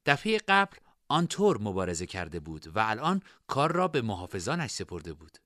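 A man narrating a fantasy story in expressive storytelling style. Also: mid-range voice, dry recording, studio quality.

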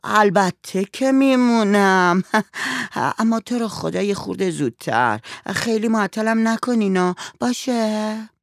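A man's voice: sits high, animated, creaky, hardly any pauses, no echo, studio quality, voice pushed up. A man doing a pushy, coaxing young woman. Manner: teasing, insistent.

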